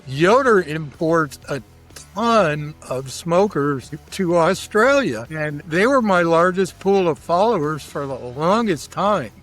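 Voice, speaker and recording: Speaking slowly with lively intonation, this man has a slightly high, fairly bright voice. He's a barbecue cook talking casually and enthusiastically as an interview guest in a folksy, colloquial way, over soft background music.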